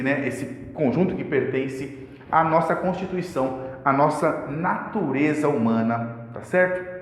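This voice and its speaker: A man with a Brazilian Portuguese accent teaching a casual video lesson on poetry, chatting to viewers and checking in with "tá certo?". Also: on the high side. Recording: very echoey room with long reverb.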